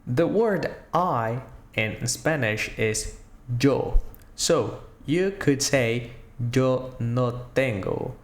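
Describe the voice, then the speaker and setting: Slow, lively-pitched male language teacher. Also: roomy sound. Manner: repeats phrases slowly, quizzing the listener. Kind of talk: slow spoken language lesson.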